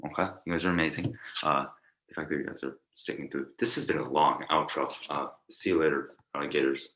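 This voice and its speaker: A young man with an exceptionally deep voice hosts a casual podcast with a friend. He rambles, stumbles over restarts and leans on fillers as he talks. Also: fairly even intonation, fairly quick, fairly bright tone, low-quality recording. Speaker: podcast co-host.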